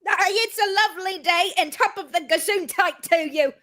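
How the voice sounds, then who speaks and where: A woman's voice: sits high, animated, measured pace, a bit bright. Irma, a dizzy young woman voiced by a woman. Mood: bluffing. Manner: flustered, dizzy, earnest. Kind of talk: amateur radio drama reading.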